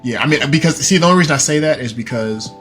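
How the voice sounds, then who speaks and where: A man's voice: on the high side, animated, fast, fairly bright tone, faint music behind. A man hosting a podcast in casual chat, giving his opinions in an easygoing way. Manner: opinionated, easygoing talk with restarts.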